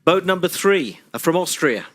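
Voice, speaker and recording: A man commentating live on a sailing race, steady and informative, with frequent "uh" fillers. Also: a little high, moderate pace.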